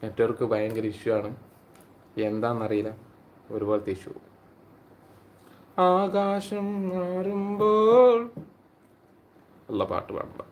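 A man's voice: fairly low pitch, a little hiss or hum. A man, hosting a casual live stream on his phone and chatting with viewers by name. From Kerala, India. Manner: chatty, greets viewers by name and reads their comments aloud.

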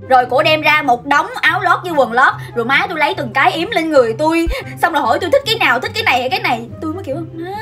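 A young woman, telling a comic childhood story in an animated, dramatic way. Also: sits high, rapid-fire, hardly any pauses, soft background music. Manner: animated and dramatic, acts out scenes. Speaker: vlogger.

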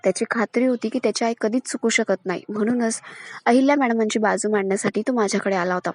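A woman's voice: fairly high pitch, fast, dry recording, lightly acted. Earnest young businesswoman, read by a woman. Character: proud young businesswoman, now humbled.

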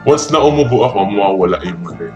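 A man talking through a voice changer that drops his voice low, teasing strangers on video chat over a headset mic. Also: lively intonation, quick pace, roomy sound, over music. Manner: teasing prankster. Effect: voice changer pitched down low.

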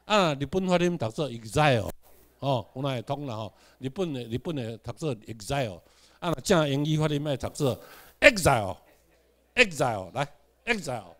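A man lecturing a class in a fairly high voice. He peppers the room with rhetorical questions and has the class repeat words after him. His delivery jumps from loud, emphatic stretches to low asides. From Taiwan. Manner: swings between loud emphatic bursts and quiet asides.

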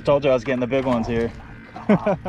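A fishing guide films his charter with a head-mounted action camera on a small boat out on open shallow flats, excitedly narrating catches and laughing often in casual commentary. His voice is mid-range and a little fast. Wind and water noise fill the outdoor recording.

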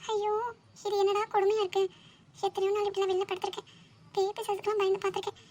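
A woman's voice: very high voice, completely flat delivery, racing, a little mellow. A woman voicing a sleepy, stubborn young heroine in a cartoon who brushes people off in an exasperated, chatty way. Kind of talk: cartoon voice acting.

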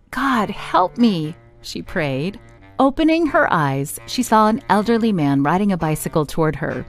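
A woman reading a children's story aloud at church, expressive and swooping up and down for emphasis. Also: medium pitch.

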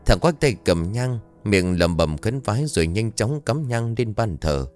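Deep-voiced storyteller. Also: male voice, unhurried, soft background music. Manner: lively, expressive first-person storytelling. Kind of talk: ghost story narration.

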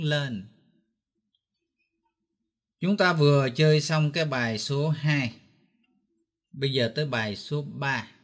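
A man's voice: medium pitch, a bit bright. A man from Vietnam teaching a guitar lesson step by step, patiently counting beats and calling out note names. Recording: guitar playing in the background.

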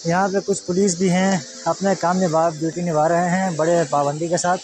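A young man from Pakistan with a rather high voice talks chattily to his viewers while filming a travel vlog on a phone at arm's length. He stands outdoors by a mountain waterfall, and clear background music plays under his voice. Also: flat delivery, normal speed. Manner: chatty, touristy, addressing viewers directly. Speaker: travel vlogger. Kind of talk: casual travel vlog narration.

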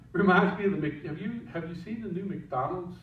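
A man's voice: high-pitched, a little fast, a little hiss or hum. Pastor, man, casual joking sermon style, distant mic, roomy dull church sound. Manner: casual, joking, with asides to the slide operator. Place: church sanctuary. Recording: echoey church heard from afar, dull.

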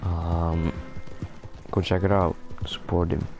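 A man's voice: sits low, little pitch movement, slow pace, over music. A young man from Iceland, an English speaker, rambling through casual commentary while playing a game. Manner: rambling, filler-heavy chat. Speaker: gaming YouTuber.

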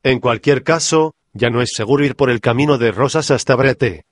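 A man voicing a calm, sensible male hobbit leader in an audiobook parody. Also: mid-range voice, normal speed, dry recording, clean studio sound, close to an everyday voice. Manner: calm, composed.

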